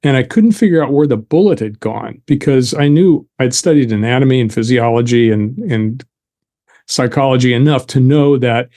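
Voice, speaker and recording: A man's voice: medium pitch, moderate pace, mellow. A man who is an interview guest, telling a personal story in conversation and chuckling wryly at himself. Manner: wry, chuckles at himself while recounting. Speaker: interview guest, belief therapist.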